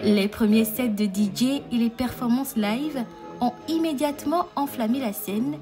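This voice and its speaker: A woman reading a scripted television report voice-over in a measured, polished way. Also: a little high. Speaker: voice-over narrator. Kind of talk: scripted narration. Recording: music bed under voice.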